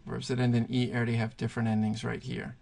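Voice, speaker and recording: A man's voice: medium pitch, little pitch movement, fast talker, gravelly, darkish tone. A man teaching Spanish verb conjugations, patiently thinking aloud and pointing things out as he writes. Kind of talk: explaining grammar at a whiteboard.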